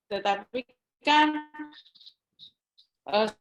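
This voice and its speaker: A woman's voice: medium pitch, very slow. A woman giving an online briefing, explaining patiently and ending sentences with a questioning tag, her audio choppy and glitching over a failing connection. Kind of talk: explanatory webinar talk. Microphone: laptop or phone over a video call on a mobile hotspot.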